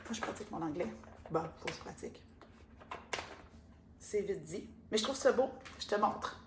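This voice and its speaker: A woman with a Québécois accent giving a casual oracle card reading, chatty and gentle, with many fillers. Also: medium pitch, animated, normal speed. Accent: Québécois French. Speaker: card reader and spiritual guide. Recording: echoey room with faint ambient noise.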